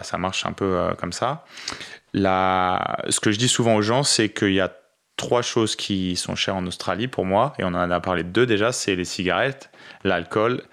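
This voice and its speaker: A young man from France answers questions in a loose, relaxed way, pausing on fillers and restarting his sentences. His voice sits very low with a gravelly edge. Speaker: interview guest, business owner in Australia. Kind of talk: casual podcast interview.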